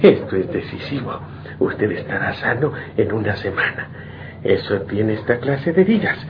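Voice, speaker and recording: An actor playing a kindly, jovial hospital doctor in a radio drama, reassuring and avuncular. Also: male voice, fairly low pitch, very animated, moderate pace. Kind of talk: old radio drama acting. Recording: dull, noisy old radio recording.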